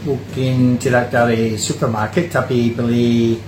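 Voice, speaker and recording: A native English-speaking man with an Australian accent, giving a casual interview in halting, simple Indonesian as a foreign learner. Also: medium pitch, flat delivery. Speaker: interview guest. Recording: roomy echo, clear background noise.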